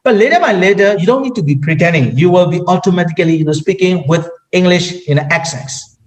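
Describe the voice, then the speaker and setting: High-voiced man with a Burmese accent. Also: quick pace, low-quality recording. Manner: hesitant, repeats words, many "you know" fillers. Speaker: guest sharing language-learning tips. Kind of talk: casual conversation.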